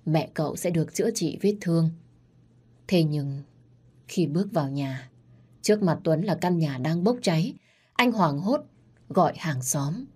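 A woman narrating a dramatic story, reading every part herself and rising loud and high in the quarrels. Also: expressive, measured pace, pauses often, slightly rough. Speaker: storyteller narrating all parts.

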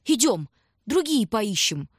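A woman voicing a gentle, frightened young girl who pleads softly, in a storybook reading. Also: a little high, big pitch swings, takes it slowly, slightly rough, dry recording, studio quality, pitched above the performer's own voice, heavily acted. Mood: pleading. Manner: pleading, soft.

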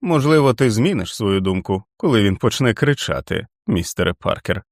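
A man voicing a cold, cruel male reverend who runs a boys' home, shouting commands in a shrill voice. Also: very animated, moderate pace, no echo, studio quality. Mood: coldly mocking.

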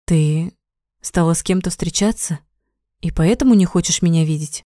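A gruff, hot-tempered young man from an audiobook, voiced by a woman reader, rough-edged and quick to swear. The voice is mellow and warm, and it sits close and dry. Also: on the high side, no room sound, lightly acted. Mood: baffled.

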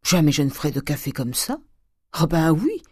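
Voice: mid-range voice, big pitch swings, normal speed, a little mellow, slightly rough, dry recording, studio quality. A reader voicing a blunt, rustic old female servant in an audiobook. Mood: grumbling.

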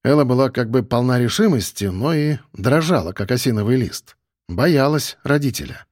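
A man narrating an audiobook in the first person, even and matter-of-fact. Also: mid-range voice, moderate pace, dry recording, studio quality.

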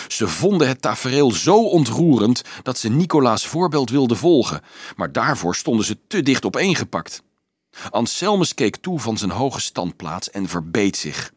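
A man reading a children's novel aloud in a lively, expressive storytelling manner. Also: mid-range voice, no room sound. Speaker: audiobook reader.

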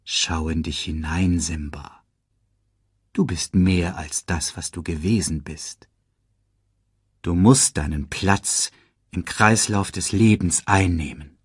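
Mufasa, a man doing a low solemn ghost king. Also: takes it slowly, no echo, studio quality.

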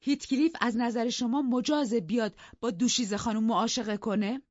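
A woman's voice: a little high, expressive, no echo, lo-fi sound, pitched above the performer's own voice. A woman voicing a blunt, defensive housekeeper in an audiobook, indignant and pleading.

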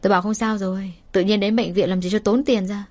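A woman's voice: medium pitch, steady tone, quick pace, a little mellow, lightly acted. A woman voicing a stubborn, joking young man in her own plain voice. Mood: teasing. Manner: flippant, joking.

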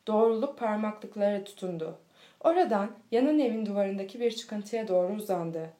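A woman reading a children's storybook aloud in a steady, clear manner. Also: mid-range voice, moderate pace. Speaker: audiobook reader. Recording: echoey room.

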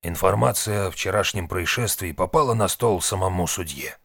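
A man's voice: low voice, moderate pace, gravelly, fairly bright tone, dry recording, studio quality, full character voice. A man playing a shrewd, weary old man. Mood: angry. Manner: grim, curt.

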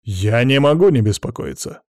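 A male narrator plays a smug ex-husband who talks down to people and frets over his ex-wife, in a mellow, dark voice that draws its words out slowly. The sound is close and dry. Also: medium pitch, lively intonation, dry recording, natural voice. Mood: heated. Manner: patronizing, then heated. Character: condescending, anxious ex-husband. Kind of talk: audiobook character voice.

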